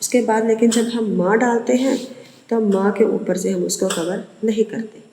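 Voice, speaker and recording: Woman, school teacher, patient, slow letter-by-letter drills, online lesson, long reverb. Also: a little high, warm tone. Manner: patient, repeats letters slowly, calls pupils child. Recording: roomy echo with long reverb.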